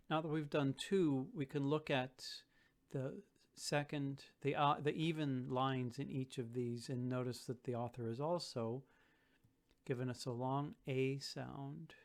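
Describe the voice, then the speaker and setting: A man teaching a song lesson, thinking aloud and reciting verse lines slowly with careful stress. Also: mid-range voice, darkish tone. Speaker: Gaelic song tutor. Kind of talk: relaxed spoken lesson with slow recitation.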